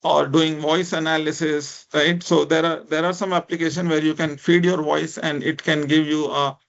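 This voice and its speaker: A man from India, a speech technology researcher, gives an informal, encouraging online lecture in English, his second language after a minority Indian language. His Indian-accented voice is fairly high, gravelly, fairly bright, and flat, at a moderate pace, often checking in with "right?" and "you know." The recording has its highs cut off.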